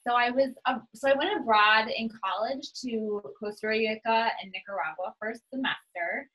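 A woman's voice: on the high side, normal speed, pushed and bright, low-quality recording. A woman in her twenties from New England, chatting casually as an interview guest and filling her speech with "like". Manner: chatty, uses "like" a lot, upbeat.

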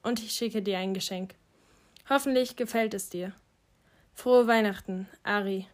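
A woman reading a gentle teenage boy's letter. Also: mid-range voice, a little slow, lightly acted. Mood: affectionate. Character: gentle teenage boy reading his own warm letter.

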